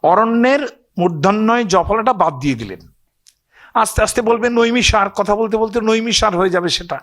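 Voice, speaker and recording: A man's voice: high voice, a bit bright. A man with a Bengali accent telling old stories to an audience in a loose, digressive way, often asking listeners to agree. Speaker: speaker on scripture and myth. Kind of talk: storytelling talk to an audience.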